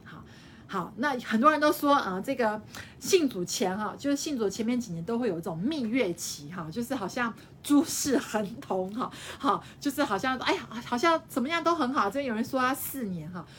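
A woman teaching a live-streamed Bible study, explaining by repeating her phrases and tagging sentences with a soft "ha". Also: on the high side, expressive, moderate pace, slight background noise.

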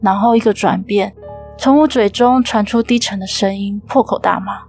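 A woman host with a Taiwanese Mandarin accent narrating a ghost story in a steady, suspenseful way. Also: mid-range voice, normal speed, gravelly, soft background music.

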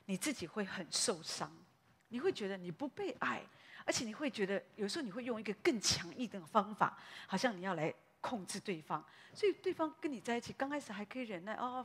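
A woman pastor, preaching a sermon in a lively, conversational way that is full of little tag words. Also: mid-range voice, breathy edge, long reverb tail. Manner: animated, conversational preaching with frequent "哈" tags.

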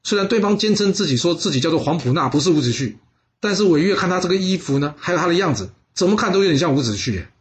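A man telling a history story casually, with drawn-out particles and asides to listeners. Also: on the high side, expressive.

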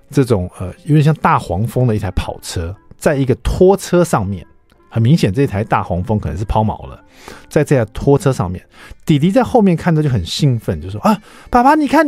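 A middle-aged man with a Taiwanese Mandarin accent, hosting a radio show and chatting through an animated story. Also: medium pitch, husky, dry recording. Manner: animated, chatty, acts out quoted lines. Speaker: radio host. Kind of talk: casual storytelling monologue. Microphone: studio microphone.

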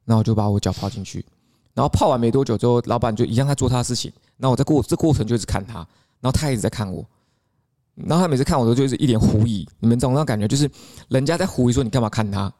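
A man with a Taiwanese Mandarin accent, co-hosting a podcast with an easy, chatty delivery. He tells his story quickly and often breaks into laughter. His voice sits at a middle pitch. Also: mellow. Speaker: podcast co-host. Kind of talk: casual chat, storytelling.

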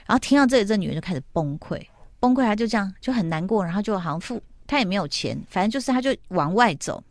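A woman's voice: medium pitch, animated, quick pace, no room sound. A middle-aged woman host in casual chat, animatedly retelling a TV plot and acting out the quotes.

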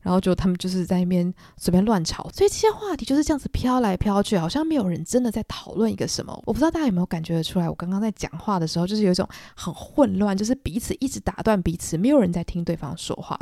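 A woman's voice: medium pitch, sing-song, rapid-fire, few pauses, warm tone, no echo, clean studio sound. A young woman hosts a podcast, chatting through a novel in a casual book club retelling and acting out the quotes. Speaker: podcast host.

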